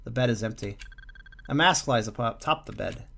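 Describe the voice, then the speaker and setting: A man reading a text game aloud with a calm, musing delivery and small slips and asides. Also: medium pitch, brisk, creaky, slight background noise.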